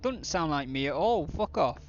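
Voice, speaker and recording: A man's voice: on the high side, expressive, normal speed, dull audio, faint music behind. A British man doing casual, blokey, sweary game commentary as a streamer chatting with viewers. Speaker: gaming streamer.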